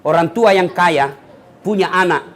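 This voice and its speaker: A man preaching a humorous sermon to an audience, lively and teasing, mimicking the people he talks about. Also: high voice, unhurried. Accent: Makassar.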